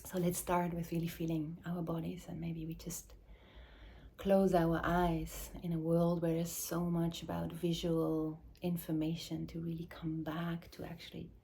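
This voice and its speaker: A woman from Switzerland, speaking English as an in a slow, searching, reflective address, often dropping into soft whispers. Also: lowish voice, monotone, vocal fry. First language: Swiss German or Dutch. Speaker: mother and movement teacher. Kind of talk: reflective spoken address to camera.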